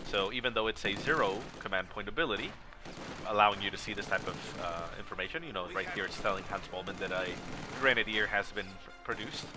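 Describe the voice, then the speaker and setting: A man's voice: lowish voice, fast, noisy background. Nasal, stuffed-up male game commentator. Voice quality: nasal, congested voice. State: sick with a stuffy nose. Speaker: esports match commentator. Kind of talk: live strategy game commentary. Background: video game battle sounds and music.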